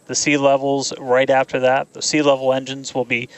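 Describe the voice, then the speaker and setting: A man's voice: medium pitch, monotone, moderate pace, clean tone. A man giving live technical commentary on a launch, explaining it informally.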